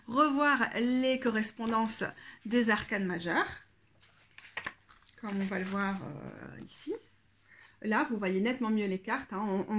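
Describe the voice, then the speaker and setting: A woman's voice: on the high side, a bit bright. A French-speaking woman with a bad cold, chatting casually in a tarot deck review, hesitant with many fillers.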